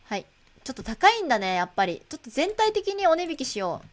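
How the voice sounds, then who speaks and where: A woman streaming a shop management game, chatting casually to herself and greeting customers in a bright shop-clerk voice. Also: sits high, sing-song, fast. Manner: chatty, playful, talks to herself while playing. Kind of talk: casual gameplay commentary.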